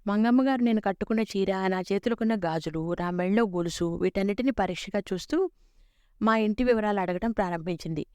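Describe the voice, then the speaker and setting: A woman narrating a serialized story in a steady, even storytelling manner. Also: mid-range voice, a little fast, dry recording.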